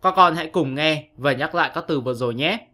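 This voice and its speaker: A man teaches English to young pupils in a scripted online-lesson narration, explaining things patiently step by step. His voice is on the high side, with a quick pace and a sharp tone.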